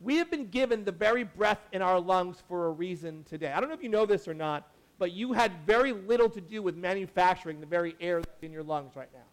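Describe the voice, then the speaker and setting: Speaking quickly in a notably high voice, a young pastor offers a laid-back, conversational sermon. He rambles, restarts sentences, and tosses in asides, staying animated and friendly like a chat with his flock.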